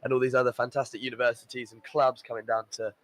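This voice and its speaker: A man's voice: medium pitch, little pitch movement, fast talker, a little hiss or hum, low-quality recording. A man commentating a live event in an enthusiastic, upbeat way, full of praise and fillers.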